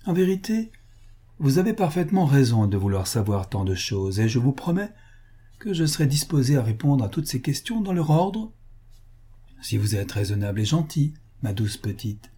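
A man voicing a sly male villain who speaks in a honeyed, ironic, mockingly gentle way. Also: medium pitch, big pitch swings, normal speed, voice pushed up. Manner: smooth, honeyed, mock-gentle.

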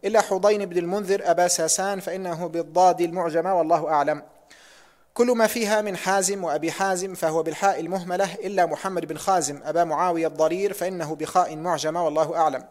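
A man's voice: on the high side, steady tone, fast. A man reading a hadith text aloud in a lesson, careful and precise, closing sections with pious formulas.

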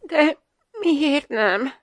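A woman's voice: sits high, expressive, dry recording. A woman voicing a proud, insistent noblewoman in an audiobook, recorded dry and close. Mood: indignant. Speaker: voice actor in audiobook. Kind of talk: audiobook dialogue reading.

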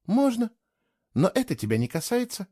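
A man's voice: high-pitched, huge pitch swings, normal speed, warm tone, breathy edge, no echo, studio quality, voice pushed up, exaggerated voice. Cool mocking young woman, as a man puts her on. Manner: curt, mocking, matter-of-fact. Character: brisk cool-headed young woman traveler.

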